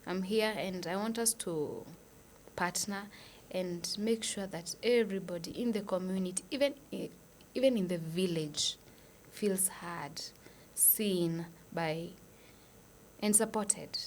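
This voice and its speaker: A Kenyan woman speaking as a podcast guest, a nurse and foundation founder. She talks in an earnest, measured way and often drops to a breathy near-whisper. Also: lowish voice, darkish tone, a little hiss or hum. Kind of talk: podcast interview.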